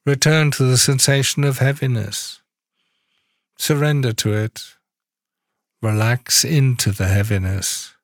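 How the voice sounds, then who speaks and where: A man leading a guided body-awareness meditation, giving calm, soft-spoken instructions with long pauses between phrases. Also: mid-range voice, no room sound, clean studio sound.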